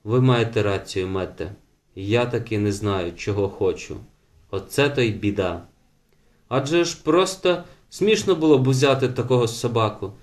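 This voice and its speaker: A man voicing a troubled, brusque male master who talks lower and quieter, in an audiobook. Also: a little fast, lightly acted. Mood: resigned. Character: troubled male mine owner, brusque and conflicted.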